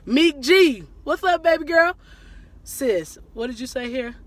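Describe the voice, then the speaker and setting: A woman's voice: high voice, animated, a little slow. Chatty leaning woman hosting a live stream. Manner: laughs often, greets viewers by name mid-talk. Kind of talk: casual live-stream chat answering viewer questions.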